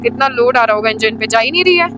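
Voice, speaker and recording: A woman's voice: a little high, lively intonation, fast, noisy background. A woman motorcycle vlogger chatting casually as she rides outdoors on a mountain road, thinking aloud and calling everyone brother. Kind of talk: casual chat while riding.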